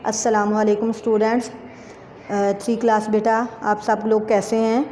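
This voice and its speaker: A woman teacher with a Pakistani Urdu accent giving a slow lesson to young children, spelling out words sound by sound. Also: medium pitch, flat delivery, mellow. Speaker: schoolteacher. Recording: echoey room with faint background noise.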